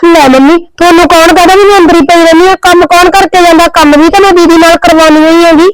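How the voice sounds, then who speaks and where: A woman's voice: extremely high pitch, steady tone, quick pace, low-quality recording. A woman playing a sulky young daughter-in-law who pleads and complains in a family skit. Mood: pleading. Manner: whiny, pleading. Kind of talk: scripted domestic skit acting.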